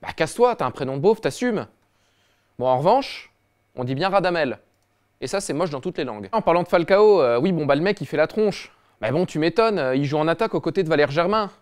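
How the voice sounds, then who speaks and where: A man's voice: fairly high pitch, expressive, fast, clean tone. A man hosting a satirical football comedy show, cocky and slangy, swearing often. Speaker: host.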